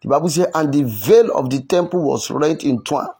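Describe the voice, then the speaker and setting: Brief: high-voiced, husky man preaching and praying fervently, Yoruba-accented English, chants and shouts. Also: normal speed. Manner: shouts, chants and speaks in tongues. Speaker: evangelist. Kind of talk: fervent prayer sermon.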